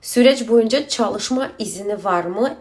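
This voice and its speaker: Woman, slightly high voice, Azerbaijani accent, halting broken Turkish, informal explainer host. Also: darkish tone. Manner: halting broken Turkish of a non-native speaker, mixed with Azerbaijani. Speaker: video host explaining asylum procedure. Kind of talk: informal explainer, question and answer.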